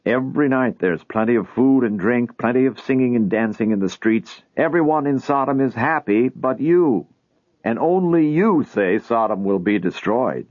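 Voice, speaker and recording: A man's voice: medium pitch, expressive, normal speed, no echo, lightly acted. A man voicing an agitated, pleading old man who insists on a warning, in a storybook reading. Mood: urgent. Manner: urgent, insistent. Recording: tinny phone-like sound.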